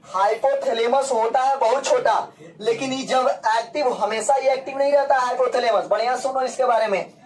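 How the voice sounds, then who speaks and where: A man's voice: extremely high pitch, normal speed, recorded from a distance. Brief: male teacher, playful lecturing, mic set back in a classroom. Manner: lively, playful, acts out scenes in dialect.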